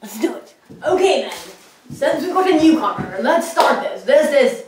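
A woman's voice: high voice, sing-song, moderate pace, very echoey, noisy background. A young woman playing a bossy, fussy young male villain in a fan cosplay skit, in a home kitchen filmed by a far camera. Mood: exasperated. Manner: bossy, exasperated, nagging.

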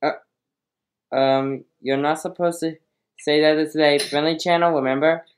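Woman, low voice, playful game show host, rambling, stumbling reads. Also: steady tone, measured pace. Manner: rambling, stumbles over reading questions.

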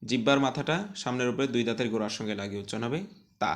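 A man teaching an online Quran recitation class, drawing out syllables for students to repeat and explaining calmly between drills. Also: medium pitch. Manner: slow, drawn-out syllable drills with louder repetitions.

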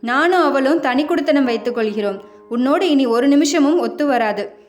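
A woman's voice: high voice, animated, moderate pace. A woman voicing an angry young husband. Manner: harsh, scolding. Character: angry young husband, hungry and short-tempered.

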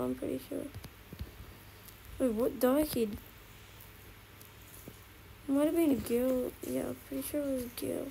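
A woman streams a shooter game and chats to her viewers in a gravelly, fry-heavy voice that sits fairly high. She talks slowly and excitably and repeats lines when something surprises her. Noticeable noise sits under the recording. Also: rough recording. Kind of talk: casual gameplay commentary.

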